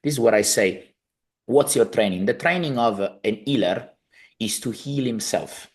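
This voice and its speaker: A man in his thirties from Italy speaks with an Italian accent at medium pitch, expressively and at a moderate pace. Appearing as a podcast guest over a video call from his living room, he conversationally explains his healing practice as a healer and family constellations practitioner.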